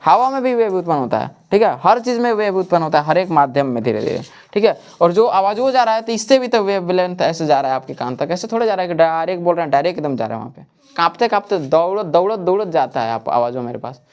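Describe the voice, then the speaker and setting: A man's voice: sits high, animated, fast, hardly any pauses, darkish tone. Man teaching a class. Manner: asks the class questions and answers them himself. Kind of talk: classroom lecture. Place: coaching classroom.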